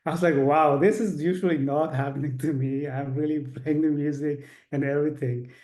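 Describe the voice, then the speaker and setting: A man's voice: on the high side, steady tone, normal speed, darkish tone, reverberant. A man from Sri Lanka, a course participant, sharing his thoughts on a video call in a rambling way, with many fillers.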